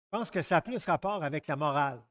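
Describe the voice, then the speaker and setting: A middle-aged man with a Québécois French accent preaching a sermon, lively and joking, often stepping aside to tell stories and acting out quotes. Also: a little high, fast talker. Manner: lively, jokes and digresses, acts out quotes.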